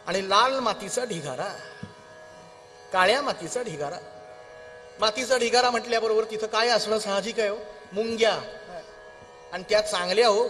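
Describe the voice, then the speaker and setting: Bright high-voiced man telling devotional stories. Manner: animated storytelling with acted character voices; chants scripture verses. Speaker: kirtan performer. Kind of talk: devotional storytelling sermon. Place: large auditorium. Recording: long hall reverb with faint instrumental music.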